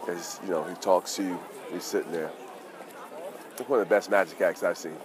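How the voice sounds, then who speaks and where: Deep-voiced guy vlogging on a busy street, hyped and slangy, crowd chatter all around. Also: a little fast, noisy background. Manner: excited, slangy, talks straight to viewers. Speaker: vlog host. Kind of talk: casual street vlog commentary. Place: outdoors on busy town streets.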